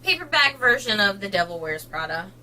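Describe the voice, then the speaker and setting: A woman's voice: mid-range voice, sing-song, brisk, sharp tone, low-quality recording. A woman co-hosting a casual home video, chatty and giggly, often laughing between thoughts. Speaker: co-host of a book channel. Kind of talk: casual chat.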